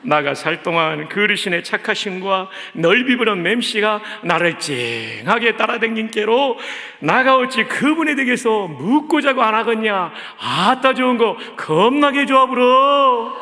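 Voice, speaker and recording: A male preacher voicing an exuberant folksy countryman with a thick Jeolla accent, drawling and exclaiming loudly. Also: sits high, animated, unhurried, voice pushed up, full character voice. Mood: jubilant. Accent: Jeolla dialect of Korean. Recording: echoey church hall.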